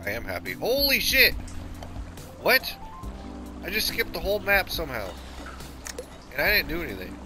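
A man's voice: high voice, huge pitch swings, moderate pace, pauses often, music in the background. A man playing a video game with a friend, teasing him and laughing a lot. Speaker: gamer. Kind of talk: gameplay chat.

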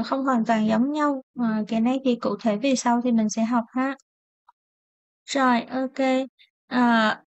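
A young woman from Vietnam, speaking, patiently teaching a language lesson and repeating words slowly. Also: high-pitched, creaky, no echo, muffled recording.

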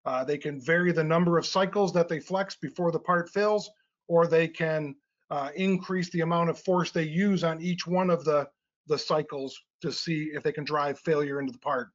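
A man's voice: fairly high pitch, steady tone, normal speed. A middle-aged man presenting technical slides in a webinar, explaining step by step with frequent uh and um fillers. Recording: slightly dull lo-fi webinar audio.

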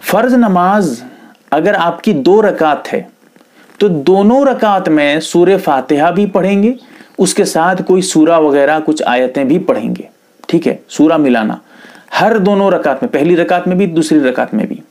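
A man's voice: a little high, lively intonation, a little slow, a little mellow. Man explaining religious rulings emphatically. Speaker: Islamic scholar. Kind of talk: religious instruction lesson.

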